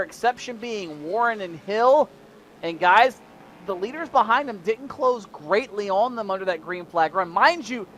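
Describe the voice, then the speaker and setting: Male lap-by-lap caller for an online race broadcast, higher voice, gets loud and excited on the action, slight background hiss. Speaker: race commentator. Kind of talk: sim racing play-by-play commentary.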